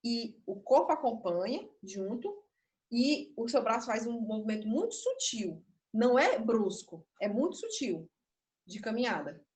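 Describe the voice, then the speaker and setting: A woman's voice: a little high, big pitch swings, unhurried, a little mellow. Nervous woman teaching in an echoey room. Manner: explanatory, demonstrative, self-interrupting. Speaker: puppetry teacher. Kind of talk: online class demonstration.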